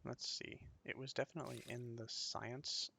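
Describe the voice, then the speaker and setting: A man with a bright, forward voice and a noticeably gravelly creak talks through a strategy game. His commentary is casual, as if he is musing to himself while he decides each step. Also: mid-range voice, flat delivery, moderate pace, slight background noise. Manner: thinking aloud, musing to himself. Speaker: gaming video creator playing a strategy game.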